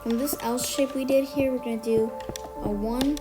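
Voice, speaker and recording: With music running in the background, a mildly ill tutorial maker explains a build step by step, tallying blocks aloud and catching small errors. The voice is mid-range and even, moving at a moderate pace.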